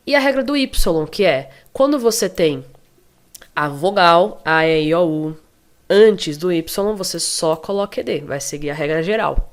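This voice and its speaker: A woman's voice: lowish voice, animated. A woman with a Brazilian accent teaching an online lesson, explaining step by step and often checking in with her students. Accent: Brazilian Portuguese. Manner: explains slowly, spelling out letters and checking in with "tá?" and "né?". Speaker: English teacher.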